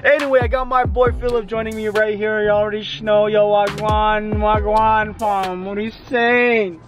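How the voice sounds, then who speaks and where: A young man with a high voice talks to his vlog camera over background music. He is excitable and slangy, addressing viewers casually and falling back on repeated catchphrases. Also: fairly quick. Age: young adult. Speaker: vlog host. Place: inside a car at night and outdoors by it. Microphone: handheld camera at arm's length.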